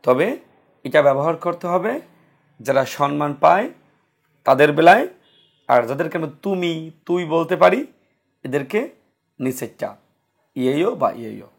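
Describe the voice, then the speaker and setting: A man's voice: fairly high pitch, animated, normal speed, gravelly, long pauses, husky. A man teaching a grammar lesson, asking rhetorical questions and answering them himself. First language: Bengali. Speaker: Korean language teacher.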